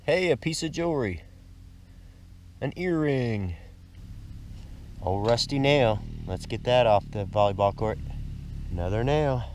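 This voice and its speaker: An older man casually narrating his metal detecting outdoors on a lakeside beach, easygoing and excited at each find, recorded on a body-worn camera. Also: medium pitch, a little slow, long pauses, a little hiss or hum. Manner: easygoing, excited exclamations at finds. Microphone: action camera worn on the body.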